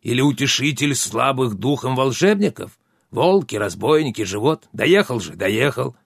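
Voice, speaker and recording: A man's voice: mid-range voice, big pitch swings, normal speed, creaky, slightly rough, dry recording, studio quality, full character voice. A man voicing a touchy, grumpy old wizard who scolds his apprentice in theatrical outbursts. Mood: irritated.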